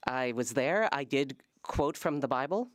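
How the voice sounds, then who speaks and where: An interpreter giving a live, measured rendering of a parliamentary debate in halting phrases. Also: medium pitch, expressive, no echo.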